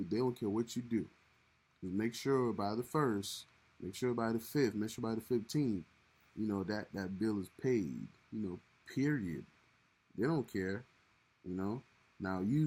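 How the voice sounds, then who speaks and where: Husky and darkish, the voice sits on the low side; it belongs to a young man from Haiti who co-hosts a casual livestream with his wife. He rambles a lot, repeating himself whenever he restarts a sentence.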